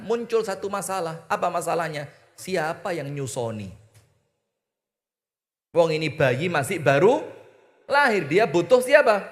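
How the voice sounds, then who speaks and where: A man with an East Javanese accent preaching a humorous sermon, teasing his audience and mimicking voices. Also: high-pitched. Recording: reverberant hall.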